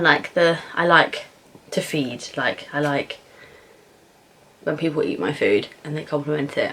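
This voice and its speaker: A young adult vlogger with a British accent and a slightly low but fairly bright voice answers viewer questions over food. She's casual and frank, pausing to think aloud and swearing now and then.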